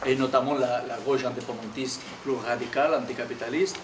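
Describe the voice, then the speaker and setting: Man, Catalan foreign accent, halting academic talk, repeated words, echoey noisy recording. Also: mid-range voice, steady tone. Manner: halting non-native French with repeated words. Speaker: invited speaker, activist economist. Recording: echoey room, distant mic, clearly noisy.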